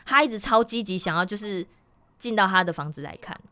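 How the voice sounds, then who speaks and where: Podcast co-host, woman, Taiwanese Mandarin accent, quick and bright storyteller who jumps up in pitch to act out the people she quotes. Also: lively intonation. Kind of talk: casual storytelling chat.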